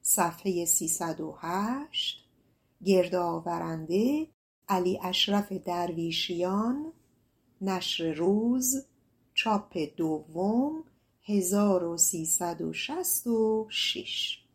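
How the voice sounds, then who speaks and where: A woman narrating an audiobook, reading a folk tale in a gentle, expressive way. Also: fairly low pitch. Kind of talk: storytelling narration.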